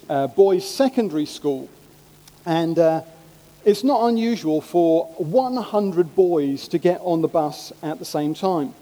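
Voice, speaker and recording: A man preaching a sermon, humorous and animated, slipping into mimicked voices. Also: sits high. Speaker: pastor. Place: church hall. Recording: long hall reverb.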